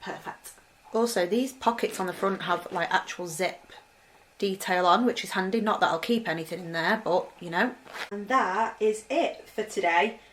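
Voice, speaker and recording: At a normal speed and with a fairly bright, mid-range voice, a woman chats about her vintage clothing haul at home, rambling and saying "like" a lot. This casual fashion vlog sounds off-mic, with a roomy echo.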